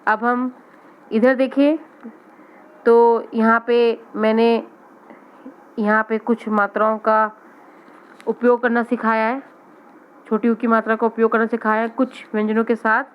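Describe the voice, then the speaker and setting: A woman teaching young children to read, slowly sounding out each letter and word. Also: on the high side, little pitch movement, smooth, muffled recording. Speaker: primary school teacher. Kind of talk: children's reading lesson.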